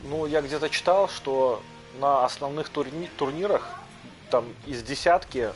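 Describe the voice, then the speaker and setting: On a low-quality recording, a man with a fairly high, unhurried voice chats casually while playing a game and remarking on his own matches. Fighting game music plays behind him.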